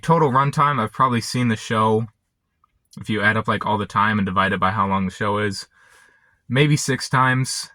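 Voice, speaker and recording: A young man chatting casually and unscripted to camera, halting and often interrupting himself as he rambles. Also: on the low side, pushed and bright, no echo. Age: young adult. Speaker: vlogger. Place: inside a parked car. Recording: background noise, vehicle ambience.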